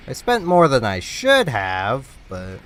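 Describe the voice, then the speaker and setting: This streamer speaks slowly in a medium-pitched voice that swings wildly up and down. Stuffy from an oncoming cold, he chats loosely through his gameplay, making fun of himself, wandering off topic and laughing often.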